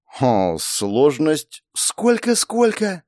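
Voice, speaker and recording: A man voicing a brisk, mocking young woman who is a player in a game world, in an audiobook. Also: medium pitch, big pitch swings, a little mellow, no echo, studio quality, pitched above the performer's own voice. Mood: teasing, brisk. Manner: snappy, teasing, exclamatory.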